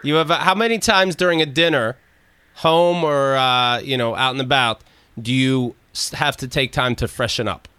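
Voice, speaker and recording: A man's voice: medium pitch, moderate pace, bright, forceful tone, smooth, no room sound. A man hosting a casual chat show, reading listener emails with frequent fillers and laughs. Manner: chatty, laughs often, hesitant fillers. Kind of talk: casual radio-style chat.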